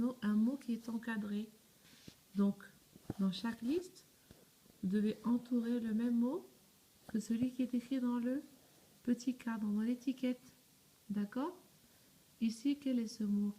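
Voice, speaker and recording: A young woman speaking slowly and patiently, walking young children through a spelling lesson letter by letter. Her voice is mellow and a little high, and she keeps asking questions and then answering them herself. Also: husky. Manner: spells words letter by letter, often checks "d'accord?". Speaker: primary school teacher. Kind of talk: slow step-by-step spelling lesson.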